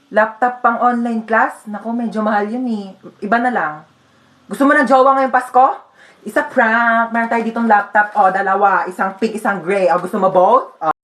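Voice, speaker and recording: A woman's voice: a little high, fairly even intonation, moderate pace, fairly bright tone. A woman acting out short comedy skits, switching playfully between characters. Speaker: comedy sketch performer. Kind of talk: comedy skits playing many roles.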